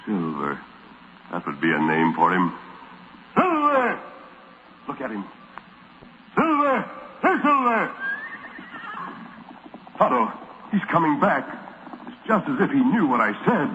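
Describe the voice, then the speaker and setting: An American man acting a noble masked lawman of the Old West in an earnest, measured old radio drama style. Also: on the high side, huge pitch swings, exaggerated voice. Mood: awed, excited. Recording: muffled, noisy vintage radio recording.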